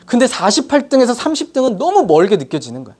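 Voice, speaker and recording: Animated woman giving a motivational lecture. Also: on the high side, quick pace, breathy edge. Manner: animated storytelling, questions to the audience. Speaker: seminar lecturer. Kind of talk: motivational sales seminar lecture.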